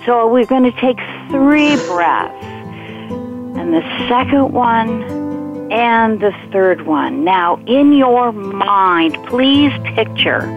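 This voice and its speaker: A woman guiding a meditation in a measured, instructive way, pausing between phrases. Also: medium pitch. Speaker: meditation guide. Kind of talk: guided meditation and spiritual teaching. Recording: tinny phone-like line with music behind.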